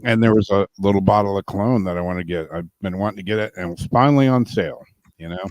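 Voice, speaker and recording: A man co-hosting a casual chat, telling a laid-back story, laughing often and letting his voice trail off quietly. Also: low-pitched, fast talker, no room sound. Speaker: podcast co-host.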